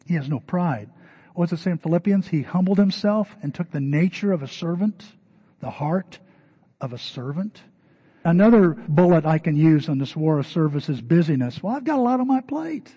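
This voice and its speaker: A middle-aged man preaching in a talky, everyday way, his mellow, slightly husky voice a bit high for a man. He jumps up to loud, emphatic peaks and then drops to quiet, low asides. The recording sounds dull and lo-fi. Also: normal speed. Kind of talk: sermon.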